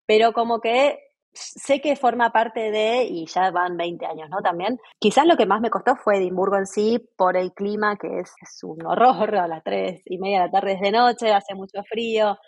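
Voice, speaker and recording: A woman's voice: mid-range voice, normal speed, husky. A woman in her forties with an Argentine accent, a podcast guest talking freely and telling stories with many restarts. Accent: Argentine Spanish. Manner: chatty, many restarts, lively storytelling. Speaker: interview guest. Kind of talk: casual podcast conversation.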